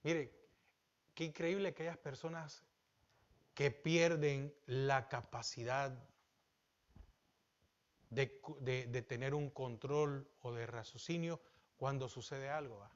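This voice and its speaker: A man with a Salvadoran accent preaching a sermon as pastor, asking the congregation questions and swinging between emphatic peaks and low asides. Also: steady tone, takes it slowly, pauses often, dull audio. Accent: Salvadoran Spanish.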